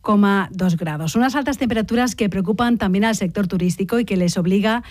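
Female news anchor, brisk scripted read, dry close studio sound. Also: mid-range voice, dry recording. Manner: brisk, steady newsreader delivery.

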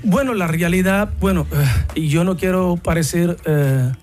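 A Portuguese man with a Portuguese accent, a musician guest speaking in a radio interview, often pausing to search for words. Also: high-pitched, darkish tone, faint music behind.

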